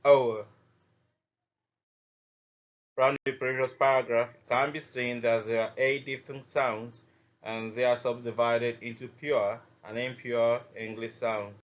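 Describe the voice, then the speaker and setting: A man teaching a scripted phonetics lesson, deliberately reading out sounds and lists of example words one at a time. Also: medium pitch, a bit bright. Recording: dull muffled lo-fi audio.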